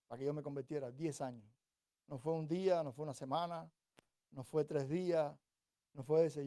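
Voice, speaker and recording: A man from Cuba delivers a sermon in a mellow, dark voice with a touch of height to it. He talks to his listeners conversationally and keeps checking in with them, then slows and swells when he reads scripture. The sound is dry and close. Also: fairly high pitch, no room sound. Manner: conversational, rhetorical "¿cierto?" checks; builds to louder, slower emphasis on scripture. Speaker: preacher.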